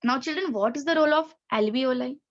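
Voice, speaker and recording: A woman's voice: sits high, muffled recording. Indian woman teaching an online class. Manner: explains slowly, repeats key terms, mixes Hindi and English.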